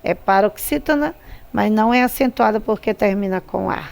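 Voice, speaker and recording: A woman's voice: mid-range voice, vocal fry, darkish tone. A woman teacher with a Brazilian Portuguese accent, patiently explaining a lesson, drawing out syllables and repeating words for emphasis. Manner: drawn-out syllables, repeats words to stress them. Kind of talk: slow, patient classroom instruction.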